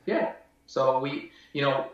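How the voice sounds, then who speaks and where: A man's voice: mid-range voice, slow pace. A man talking casually as an interview guest, rambling with many fillers. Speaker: guest, gun builder. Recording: echoey, distant, muffled.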